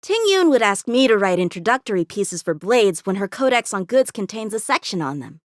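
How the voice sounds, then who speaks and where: A woman plays an eager, self-assured teenage swordsman for video game voice lines, sounding earnest, cocky and youthful, with an earnest, thoughtful mood. Her mid-range voice has a sing-song lilt and a slightly quick pace, lightly acted. The recording is dry and studio quality.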